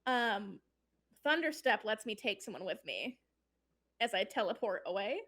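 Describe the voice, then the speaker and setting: A woman's voice: mid-range voice, big pitch swings, normal speed, fairly bright tone. A woman player in a tabletop game, chatting casually as she explains her moves.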